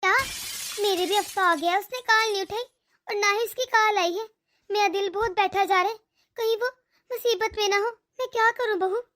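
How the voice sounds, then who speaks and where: A woman voicing a worried aging mother in a cartoon, gentle and coaxing. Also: very high voice, steady tone, moderate pace. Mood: fretful. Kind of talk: cartoon dialogue.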